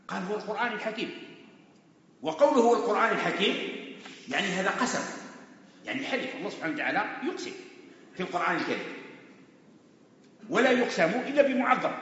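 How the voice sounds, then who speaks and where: High bright-voiced teacher in a hall. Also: male voice. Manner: patient explaining, repeats points with everyday examples. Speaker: religious teacher. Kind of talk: Quran commentary lesson. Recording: echoey hall, dull lo-fi sound.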